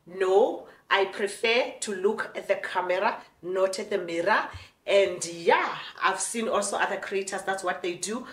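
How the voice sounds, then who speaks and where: A woman in her forties with a South African Xhosa accent chats frankly to camera in a casual vlog, mixing in Xhosa phrases. Her mid-range voice is fairly bright and her pace measured, in an echoey room with faint music.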